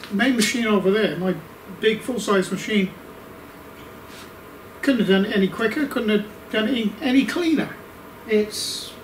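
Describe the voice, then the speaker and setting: A man's voice: sits high, a little hiss or hum. A man with an Australian accent reviewing a machine in his workshop, casual and rambling, with plenty of ums and restarts. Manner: rambling, hesitant, many fillers and restarts. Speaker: workshop YouTuber. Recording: roomy workshop, mic at a distance.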